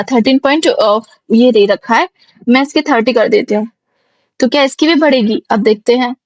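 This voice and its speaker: A woman's voice: a little high, no echo. Woman patiently explaining a spreadsheet tutorial. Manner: repeats herself, explains step by step. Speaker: computer teacher. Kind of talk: screen-recorded software tutorial.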